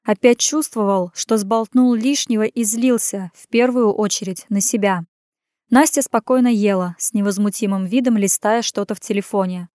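A woman narrating a story in an even storytelling manner, as an audiobook reader. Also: medium pitch, moderate pace, dry recording, clean studio sound. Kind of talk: scripted narration.

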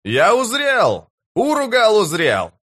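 A man's voice: medium pitch, very animated, a little slow, fairly bright tone, no echo, clean studio sound. Karsa, a man voicing a fierce young warrior chief. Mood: roaring. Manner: bold, declaiming, commanding.

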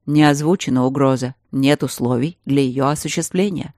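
Woman voicing a male mage, calm, teasing, lecturing, deep voice, dry recording, audiobook. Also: moderate pace, no echo. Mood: patient lecturing. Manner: patient, gently mocking, lecturing.

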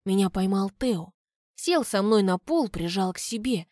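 Female audiobook narrator, brisk and even, dry close voice, mid pitch. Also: no room sound. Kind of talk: first-person fantasy narration.

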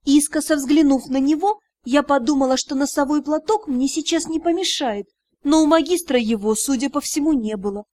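A woman's voice: sits high, normal speed, a little mellow, dry recording. A woman giving emotive, dramatic first-person narration of an audiobook on a close mic.

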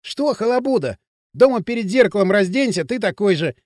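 A cocky teenage street lad who bosses his friend around in mocking slang, as a male audiobook narrator puts him on. The voice sits high and swings freely up and down, recorded close and dry. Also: animated, fairly quick, a little mellow, dry recording. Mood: excited. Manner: brash, mocking, pushy slang. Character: cocky bossy teenage boy from town outskirts. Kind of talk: audiobook character voice.

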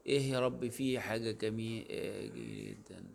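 A man's voice: lowish voice, fairly even intonation, fairly quick, vocal fry, slight background noise. A male university lecturer with an Egyptian accent, explaining casually with many fillers and self-corrections. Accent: Egyptian Arabic. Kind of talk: recorded online lecture.

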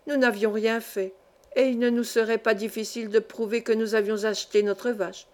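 A woman reading a classic novel aloud as an audiobook narrator, in an even, measured storytelling manner. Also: a little high. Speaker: audiobook reader.

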